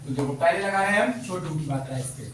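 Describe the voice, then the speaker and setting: A man's voice: fairly high pitch, quick pace, slight background noise. A male teacher giving a classroom lesson, quizzing the children and repeating their answers back. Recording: echoey classroom from far off.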